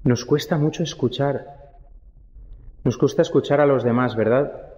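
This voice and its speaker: A young man with a Spanish accent, preaching a sermon as a priest, reflective, with quiet rhetorical asides. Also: mid-range voice, measured pace. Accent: Spain. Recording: echoey church, long reverb, dull sound.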